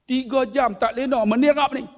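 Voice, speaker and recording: A man preaching to an audience, telling a family story and acting out its voices, moving between loud and hushed. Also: extremely high pitch, steady tone, moderate pace, dull audio. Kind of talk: storytelling religious talk. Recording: long hall reverb.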